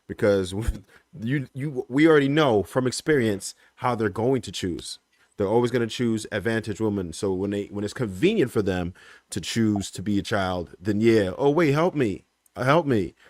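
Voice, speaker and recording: A man giving his opinion on a livestream panel, measured, checking in with "right?" as he goes. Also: lowish voice, darkish tone, no room sound, studio quality. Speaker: panel guest.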